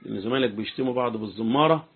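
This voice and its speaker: A man's voice: medium pitch, very fast, slightly rough. A man with an Egyptian Arabic accent teaching an informal religious lesson, often checking that his listeners follow. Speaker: sheikh teaching Quran commentary. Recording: tinny phone-like lo-fi recording.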